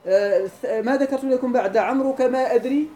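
A woman's voice: sits high, mellow, a little hiss or hum. Moroccan woman teaching in an echoey room. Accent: Moroccan Arabic. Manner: recites verses slowly, then explains and quizzes students. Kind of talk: classical Arabic grammar lesson. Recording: roomy echo with faint ambience.

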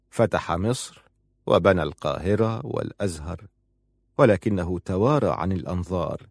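A man voicing a quiet, wary ruler. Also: deep voice, breathy edge, no echo, studio quality, voice pushed down, exaggerated voice. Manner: quiet, measured, hushed delivery. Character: wary male ruler, soft-spoken and shaken.

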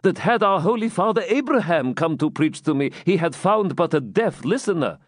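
A man's voice: high voice, lively intonation, normal speed, no room sound, studio quality, voice pushed up. A man voicing an aged, terrified old man who pleads for mercy in quavering archaic speech. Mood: pleading. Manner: trembling, pleading.

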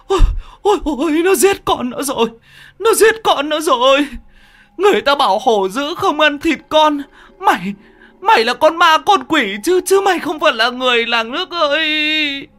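A man voicing a grief-stricken old village grandmother, with a shrill, wailing voice. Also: a bit bright.

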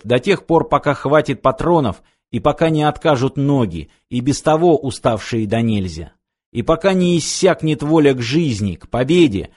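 A man narrating an action novel aloud, steady and measured in his reading. His voice sits at a middle pitch for a man, even and unhurried. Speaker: audiobook narrator. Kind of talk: scripted narration.

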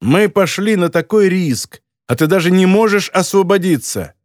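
A man's voice: high-pitched, animated, moderate pace, darkish tone, no room sound, studio quality, pitched above the performer's own voice. A male narrator voicing a sarcastic, harsh newspaper editor who mocks and scolds. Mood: scornful. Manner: mocking, scolding.

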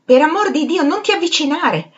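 A shaken young man with visions, in an audiobook, read by a woman. His lines come out raised and fervent, sometimes slow and dreamy. The recording is a little muffled. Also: medium pitch, sing-song, darkish tone, breathy edge. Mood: frightened. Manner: exclaiming, then slow and dreamy. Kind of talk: audiobook reading.

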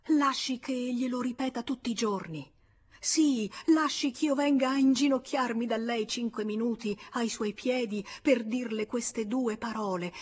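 A woman's voice: on the high side, slightly rough, voice pushed up. A woman reading an audiobook, voicing an ardent young man who pleads passionately and insistently.

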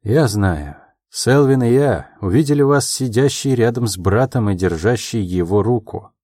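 A man voicing a calm, earnest young man in love in an audiobook, speaking quietly and in a measured way. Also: mid-range voice, dry recording, studio quality, lightly acted. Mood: probing, calm.

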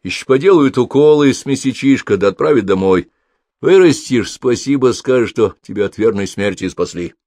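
A man voicing a sick older peasant man in a hospital bed, gruff but kindly and coaxing. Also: mid-range voice, lively intonation, moderate pace, a little mellow, no room sound, studio quality, pitched above the performer's own voice, natural voice.

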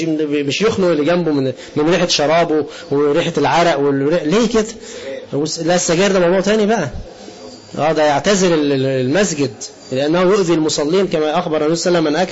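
A man with an Egyptian Arabic accent giving a colloquial religious lesson, often asking the audience a question and answering it himself. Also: fairly high pitch. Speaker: preacher. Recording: dull lo-fi lecture recording.

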